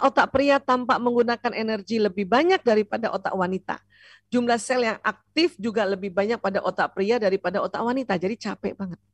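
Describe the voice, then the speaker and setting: A woman giving a seminar lecture on family life, lively and playful, teasing the audience and asking it questions. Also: a little high, no room sound, clean studio sound. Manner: asks the audience questions and answers them. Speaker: seminar speaker.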